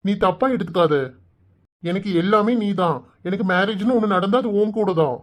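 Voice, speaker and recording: Cartoon role: a teasing, soft-spoken young village man with a Kanyakumari Tamil accent, a woman doing the voice. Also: medium pitch, close to an everyday voice. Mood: reassuring. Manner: teasing and coaxing, soft and drawn-out. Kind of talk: cartoon voice acting.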